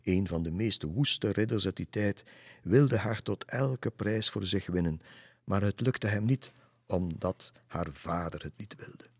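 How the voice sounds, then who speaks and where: A man reading a children's story aloud in a calm, steady way. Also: low-pitched, a little slow, slightly rough, dry recording. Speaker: narrator.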